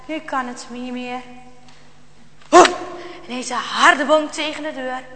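A woman reading a children's Bible story aloud in a dramatic, slow storytelling manner, dropping to a hush at tense moments. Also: high voice, fairly even intonation, big-room sound, noisy background.

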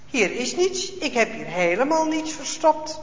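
A man doing a calm pious grandfather. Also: extremely high pitch, unhurried, very noisy, pitched above the performer's own voice, exaggerated voice. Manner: calm, gentle and earnest. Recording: echoey hall, dull lo-fi sound.

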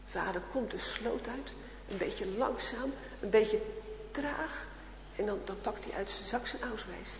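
A woman telling a children's story aloud, expressive, switching to hushed whispers for suspense and acting out the characters. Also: medium pitch, unhurried, vocal fry. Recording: echoey hall with long reverb, faint hum.

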